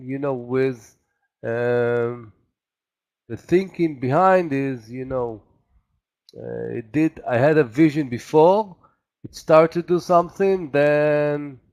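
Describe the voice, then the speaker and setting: A man who is not a native English speaker, a day trader talking casually and haltingly as he thinks aloud through live trades. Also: medium pitch. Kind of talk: casual live trading commentary.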